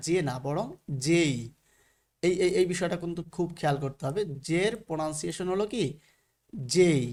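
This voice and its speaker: A man with a Bangladeshi Bengali accent teaching English letter sounds in a recorded lesson, patiently repeating each letter with frequent fillers. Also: on the high side.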